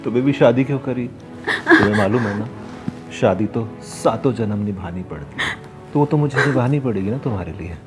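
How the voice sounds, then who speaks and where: An actor playing a man who holds his young wife captive, coaxing and softly menacing in a crime drama. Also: fairly low pitch, expressive, a little fast, close to an everyday voice. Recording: music playing under the voice.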